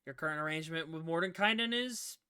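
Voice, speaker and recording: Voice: mid-range voice, quick pace, pushed and bright, clean tone, dry recording, studio quality. A game master running a tabletop game on stream, talking casually and cursing when the tech breaks. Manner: casual, swears at tech trouble.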